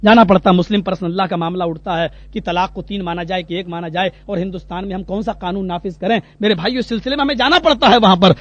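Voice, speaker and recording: A man's voice: high-pitched, steady tone, hardly any pauses, a bit bright. A male Islamic preacher, giving a dramatic, fiery sermon that rises to impassioned cries. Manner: dramatic, rising to impassioned cries when quoting prayers. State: unwell, asks for warm water. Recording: dull, lo-fi dry sermon recording.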